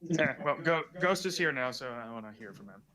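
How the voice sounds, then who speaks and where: A man's voice: mid-range voice, lively intonation, fairly quick, a crowd in the background. A man on a livestream patiently steering an argument back on track, with a lot of "like"s. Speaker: guest mediating a dispute. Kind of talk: livestream discussion.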